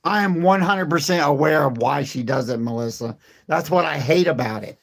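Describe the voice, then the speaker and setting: A hoarse man with a gravelly, creaky voice and a fairly high pitch. He coughs and talks defensively in casual chat, repeating the same point over and over. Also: normal speed. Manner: repetitive, defensive.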